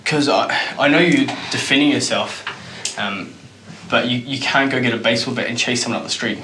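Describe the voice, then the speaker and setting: A policeman with a broad Kiwi accent talks quickly in a bright, forceful voice as he questions and explains. The room is echoey. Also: mid-range voice. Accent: broad New Zealand. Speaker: police officer. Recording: echoey room, faint background noise.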